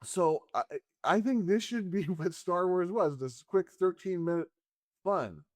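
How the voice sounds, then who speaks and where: A man's voice: sits high, lively intonation, measured pace, dry recording. A man in his forties co-hosting a casual movie review podcast, rambling and acting out lines from the films. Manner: rambling, quotes scenes in put-on voices. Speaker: podcast co-host.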